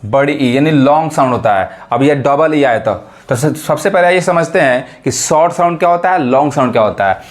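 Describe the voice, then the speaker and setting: Man, teacher, slightly high voice, rhetorical questions, slow spelling of letters. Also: expressive. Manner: asks rhetorical questions and answers them himself. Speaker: English teacher. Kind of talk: classroom-style lesson explanation.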